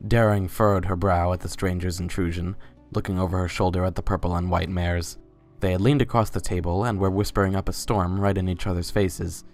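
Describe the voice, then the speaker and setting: With music running beneath him, a man gives a dramatic reading of scripted narration. He speaks fairly quickly in a low, steady voice with a darkish tone.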